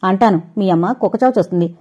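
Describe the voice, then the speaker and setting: Woman narrator voicing a fast, scornful young wife in a furious rant, mellow voice. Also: medium pitch, slightly rough, close to an everyday voice. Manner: taunting, shouting fast tirades. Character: angry scornful young wife, sharp-tongued. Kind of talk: audio novel reading.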